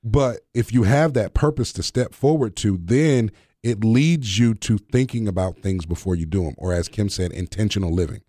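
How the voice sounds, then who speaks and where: Low-voiced man chatting on a podcast. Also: normal speed, warm tone, no echo, clean studio sound. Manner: conversational, storytelling, quotes scripture. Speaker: podcast co-host.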